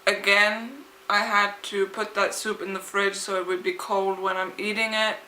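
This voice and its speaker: A young woman talks in a casual, rambling vlog style. Her voice is bright and clear-edged, with slightly impeded, lisped consonants from a swollen tongue. The room around her adds a noticeable echo. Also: medium pitch, level tone, normal speed. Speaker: vlogger. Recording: echoey, roomy sound.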